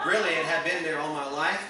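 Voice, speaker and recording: A man, a guest minister, telling a personal testimony in a sermon and building up to emphatic preaching. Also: fairly high pitch. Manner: storytelling, rising to emphatic preaching. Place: church sanctuary. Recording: echoey hall, distant mic, noisy.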